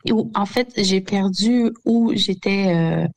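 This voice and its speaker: A woman's voice: medium pitch, slow pace, a little mellow. A woman, a historian guest on a radio show, talking casually while sick with bronchitis, hesitant with many fillers and restarts.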